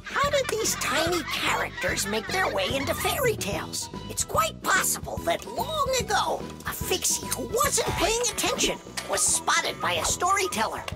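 A woman's voice: very high voice, wildly swooping pitch, moderate pace, few pauses. Lilting, playful woman storybook narrator. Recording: loud music bed.

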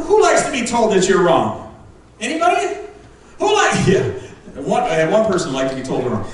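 A man preaching a lively, joking sermon as pastor, acting out how his congregation answers him. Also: on the high side. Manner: lively, jokey preaching that acts out congregation responses. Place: church sanctuary. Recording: very echoey room, distant mic, faint noise.

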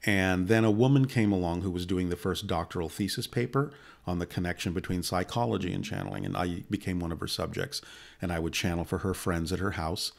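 Guest, male, sixties, low register, calm measured storyteller, close studio mic. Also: vocal fry. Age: 60s. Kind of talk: long personal account in conversation. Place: indoor studio set. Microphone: boom-mounted studio mic close by.

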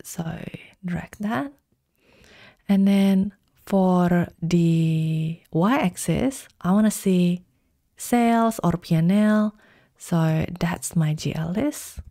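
A woman's unhurried, mellow low voice walks through software instructions one calm step at a time, with slow, deliberate pacing. She's recorded close and dry, with no room sound.

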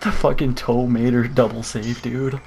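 A man's voice: mid-range voice, flat delivery, moderate pace, creaky, a little mellow. A young man in casual gaming chat, talking like a slangy, exclaiming frat bro. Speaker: gamer in a team voice chat. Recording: very noisy game voice chat with clicking.

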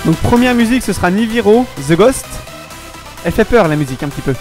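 Rambling French web radio host. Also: male voice, sits high, animated, quick pace, darkish tone, soft background music. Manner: rambling, keeps promising to come back to topics; many hesitations and restarts. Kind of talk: casual solo radio-style chat.

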